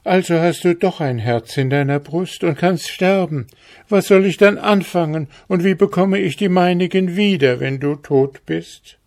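A man's voice: measured pace, a little mellow, no room sound, clean studio sound. A man putting on a plaintive young girl's voice. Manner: high, lamenting, plaintive. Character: pleading young housekeeper girl. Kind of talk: fairy tale reading.

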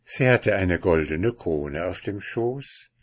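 A man reading a fairy tale aloud in a calm storytelling manner. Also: low-pitched, slow pace. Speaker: narrator.

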